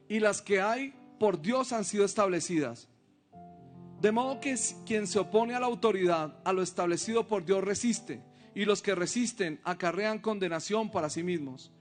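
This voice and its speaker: A male pastor preaching a sermon, reading scripture aloud and asking the congregation rhetorical questions. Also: high voice.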